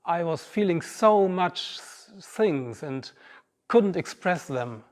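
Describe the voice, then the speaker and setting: This inspirational speaker, a man in his 50s, addresses the audience directly from a big auditorium stage with a reflective, personal message. His voice is a little high and animated, his pace slow, and the large hall adds a long reverb.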